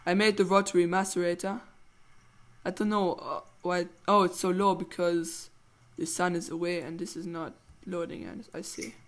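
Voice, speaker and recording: A man's voice: high-pitched, fairly even intonation, normal speed, few pauses, a bit bright. A teenage boy giving rambling, playful commentary while playing a game, with goofy jokes. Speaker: let's play host. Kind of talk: casual gameplay commentary.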